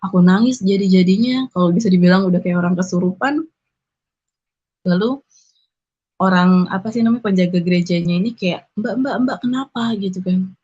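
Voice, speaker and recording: A woman's voice: on the low side, fairly quick, pauses often, dark tone. A young woman earnestly telling her personal conversion testimony, acting out the people she met. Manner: earnest, emotional retelling with quoted dialogue. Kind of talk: personal testimony, casual storytelling. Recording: dull lo-fi recording.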